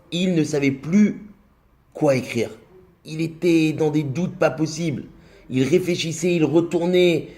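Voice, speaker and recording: A man giving a short religious lesson, telling a story and voicing its dialogue, with Hebrew terms in his speech. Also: darkish tone. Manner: storytelling, acts out dialogue with rising pitch. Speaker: Torah teacher.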